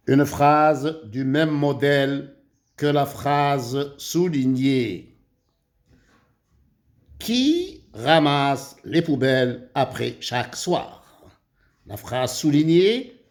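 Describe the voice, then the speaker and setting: A man with a slightly high, very animated voice teaches grammar to young pupils. He speaks slowly and deliberately, reading each question aloud before patiently explaining it step by step. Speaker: primary school teacher. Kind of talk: slow, deliberate grammar lesson.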